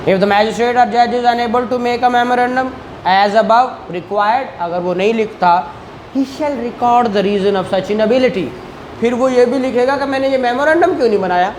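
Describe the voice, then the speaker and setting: A man with a Pakistani accent lectures as a law teacher, reading statute aloud and explaining it step by step while often checking that listeners are following. His voice is very high and slow, and the rough recording carries clear background noise from the room.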